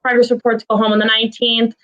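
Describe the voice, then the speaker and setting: Woman with a higher voice reading school notices. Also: level tone, fairly bright tone, muffled recording, soft background music. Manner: brisk, businesslike, frequent "um" fillers. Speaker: school administrator giving staff announcements. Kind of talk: reading a list of staff announcements.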